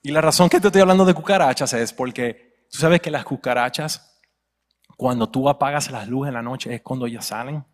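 A man preaching to a congregation, mixing humor and storytelling with loud, emphatic peaks. His voice sits at an ordinary middle pitch. The sound carries a long hall reverb. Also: fairly quick. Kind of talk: sermon. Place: church sanctuary.

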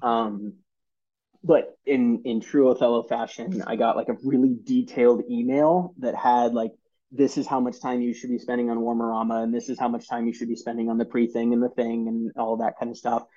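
A man in his thirties, a podcast guest, telling stories in an earnest, halting way with many fillers and restarts. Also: medium pitch, little pitch movement, warm tone, highs cut off. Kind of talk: casual storytelling interview.

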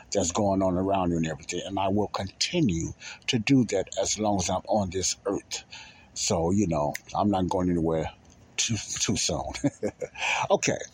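Low, husky man hosting a podcast. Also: darkish tone. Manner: rambling, repeats phrases for emphasis. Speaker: podcast host.

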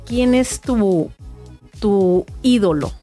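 A woman with a northern Mexican accent hosts a podcast from a recording booth, chatting casually and effusively with a guest and encouraging them. Her mid-range voice is warm and very slow, with faint music in the background.

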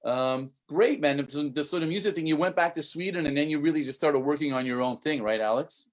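A man hosts a casual livestream interview in a slightly high, slightly quick voice. He sounds eager and talkative, repeats himself often, and keeps calling his guest "man."

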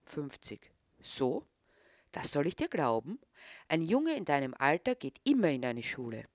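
A woman's voice: deep voice, very animated, measured pace, no echo, clean studio sound, exaggerated voice. A woman reading the part of a disapproving middle-aged man who questions a boy. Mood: stern.

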